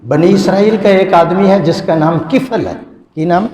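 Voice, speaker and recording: A man's voice: high-pitched, mellow. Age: adult. Sex: man. Role: preacher giving a live sermon. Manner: dramatic storytelling, teases the crowd. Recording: echoey hall with PA. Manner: dramatic storytelling, teasing the audience, chanting verses melodically. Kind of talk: live Islamic sermon to a gathering.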